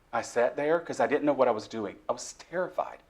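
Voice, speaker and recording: Man preaching, hushed to emphatic. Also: medium pitch, vocal fry. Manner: dramatic swings between soft hushed lines and loud emphatic ones. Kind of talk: sermon testimony. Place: church.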